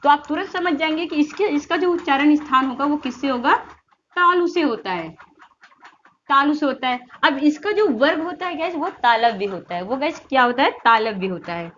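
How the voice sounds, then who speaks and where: Woman teacher, high voice, sounds out syllables in drills, lo-fi sound. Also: lively intonation, moderate pace, a bit bright. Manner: repeats questions and answers them herself, drills sounds aloud. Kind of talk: online grammar lesson for exam students. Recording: slightly dull lo-fi sound with faint noise.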